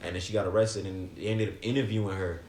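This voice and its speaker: A man's voice: sits low, fairly even intonation, fast, darkish tone, reverberant, slight background noise. A man co-hosting a podcast, telling a story in a casual, slangy, profane way. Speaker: podcast co-host. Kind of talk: casual chat.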